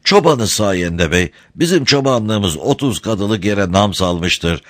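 A man's voice: fairly low pitch, expressive, takes it slowly, no echo, studio quality. A man voicing a humble, pleading wandering Bedouin shepherd in a read-aloud story. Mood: earnest. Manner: pleading, servile, repeats he is a sacrifice.

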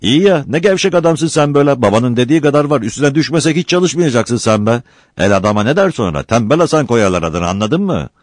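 A man puts on a domineering village man in a storybook reading, barking out orders in a raised, higher voice. He sounds harsh and scolding, with a swinging, lively delivery. The sound is close and dry. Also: fast, hardly any pauses, no echo. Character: bossy harsh middle-aged village man.

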